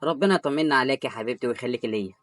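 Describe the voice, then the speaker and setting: A woman doing a very low Egyptian husband. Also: slight background noise. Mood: affectionate. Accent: Egyptian Arabic. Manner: warm-hearted, rapid. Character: patient young husband, affectionate and steady. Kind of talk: animated story voice acting.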